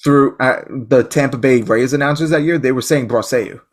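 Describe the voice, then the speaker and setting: A man co-hosting a podcast in casual chat, talking excitably and rambling with frequent restarts. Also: mid-range voice, normal speed. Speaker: podcast co-host.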